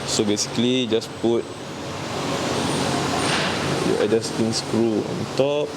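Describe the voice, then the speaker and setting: A man's voice: lowish voice, fairly even intonation, slow pace. A man with a Malaysian accent gives a casual hands-on mechanical tutorial in colloquial Malaysian slang English, often ending phrases with "lah". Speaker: mechanic demonstrating a repair. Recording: noisy on-location audio, vehicle and ambient hum.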